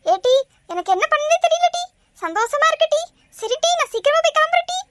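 A woman's voice: very high-pitched, animated, quick pace, pushed and bright, no echo, clean studio sound, exaggerated voice. A woman voicing a bossy, scolding older mother-in-law in a cartoon. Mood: excited. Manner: scolding, nagging. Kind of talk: cartoon voice acting.

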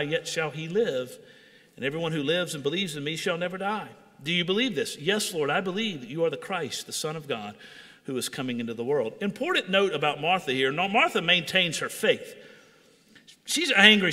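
A man's voice: a little high, sharp tone, in a large hall. A man preaching a sermon, reading scripture aloud and then explaining it with rising intensity. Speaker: pastor. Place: church sanctuary.

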